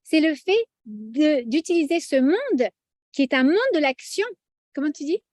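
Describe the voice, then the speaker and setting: A woman teaching a lively religious lesson to an audience, chatty and animated, often checking in with the audience. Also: high voice, a little slow, no room sound.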